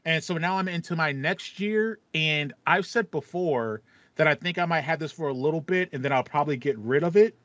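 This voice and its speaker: An American man in his thirties, co-hosting a podcast, chats casually about games in a slightly high, fairly quick, somewhat bright voice with no echo. He records in a small home room lined with acoustic foam, and the sound is dry, band-limited, and a touch dull.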